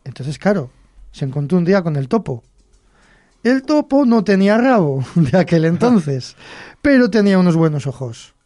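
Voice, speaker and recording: Cantabrian man with a mellow, fairly high voice. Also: very animated, normal speed, no room sound, clean studio sound. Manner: chatty, chuckling, folksy. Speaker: host. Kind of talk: storytelling folklore podcast.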